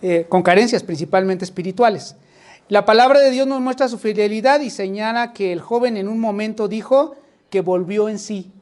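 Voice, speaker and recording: A man's voice: high voice, normal speed, a little mellow. A man with a Mexican accent preaching a sermon, often turning to his listeners with rhetorical questions. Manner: addresses the congregation with rhetorical questions.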